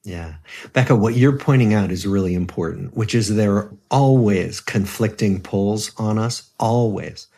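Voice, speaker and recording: A man in his seventies, a psychiatrist guest on a podcast, explaining things in a calm, measured way. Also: lowish voice, creaky. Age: 70s. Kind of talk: podcast interview.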